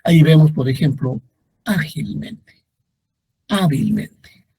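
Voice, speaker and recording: A male teacher lecturing a class on grammar, his voice mellow and a little husky. He reads example words one by one at an unhurried pace. The sound is close and dry. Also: a little high, lively intonation, dry recording. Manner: slow, deliberate reading of example words; addresses students directly.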